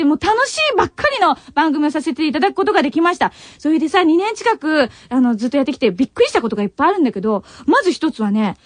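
A woman's voice: extremely high pitch, no echo. A young woman hosting a late-night radio show in Nagoya dialect, voice worn from crying as she says an emotional farewell, heard on a muffled old cassette tape. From Tokai region of Japan. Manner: emotional farewell, voice choking with tears between laughs. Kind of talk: radio talk, reading listener letters. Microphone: studio radio mic.

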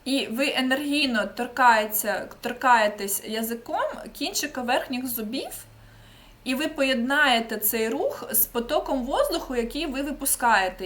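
A woman teaching an online English pronunciation lesson, patiently demonstrating sounds slowly and checking in with the learners. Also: fairly high pitch, fairly bright tone.

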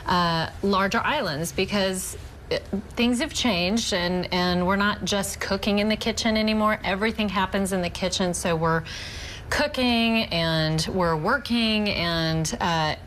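A woman's voice: medium pitch, a little slow, fairly bright tone, a little hiss or hum, poor audio. A middle-aged woman guest on a TV studio segment, chatty with frequent fillers, answering on a lapel mic. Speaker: guest, remodeling company co-owner. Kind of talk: TV interview answers. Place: TV studio set, in doors.

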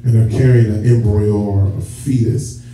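A church elder gives a sermon in a lowish, mellow voice at a moderate pace with fairly even intonation. He speaks conversationally and directly to the congregation, drawing out key words for emphasis. Recorded from far off by a camera at the back of a sanctuary with a stage and rows of seats, the audio is echoey, muffled and noisy.

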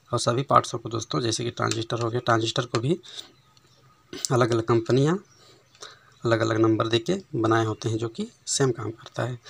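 Man, TV repair tutor, chatty and relaxed, phone mic over the bench, faint hiss. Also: medium pitch, gravelly. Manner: conversational, keeps adding "है ना" and "दोस्तों". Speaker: TV repair instructor. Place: workshop bench, voice behind handheld phone camera.

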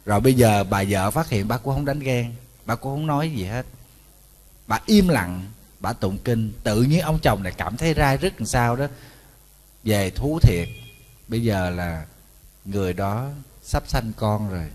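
A man with a Southern Vietnamese accent, a Buddhist monk giving a storytelling sermon, animated and joking, talking straight to his listeners. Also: on the low side, unhurried, big-room sound. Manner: animated, joking, addresses audience directly.

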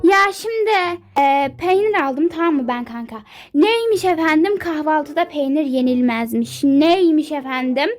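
A woman doing a shrill, bossy, hyper young model. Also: animated, moderate pace, few pauses, darkish tone, soft background music. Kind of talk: game character role-play dub.

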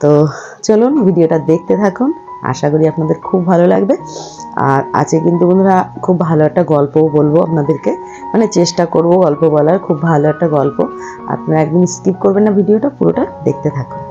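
A hoarse, feverish middle-aged woman chatting casually to her viewers in a home vlog and telling a story. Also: on the low side, quick pace, dull audio, music in the background. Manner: chatty, addresses viewers as friends, coos at pets. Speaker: vlogger.

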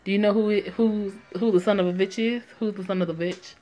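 A woman's voice: medium pitch, steady tone, a little fast, dark tone, natural voice. A woman voicing a heartbroken young man who swears and demands answers in anger. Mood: furious.

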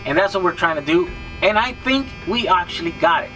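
A man's voice: high-pitched, lively intonation, a little fast, pushed and bright, faint music behind. A man in his thirties, a vlogger, casually explaining a hands-on repair job in his home garage and thinking aloud as he works. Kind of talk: casual DIY vlog.

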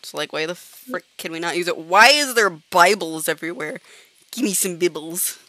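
Giggly bright-voiced woman gamer. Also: fairly low pitch, expressive, moderate pace, dry recording, rough recording. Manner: giggly and playful, swears freely. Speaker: gaming channel host. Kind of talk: casual let's-play chat.

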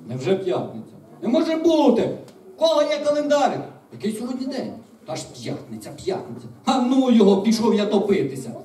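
A man voicing a crowd of sulky, pleading dragons in a loud, whiny put-on voice, reading a children's story. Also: on the high side, huge pitch swings, fast talker, slight background noise. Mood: dismayed. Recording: echoey room, from far off.

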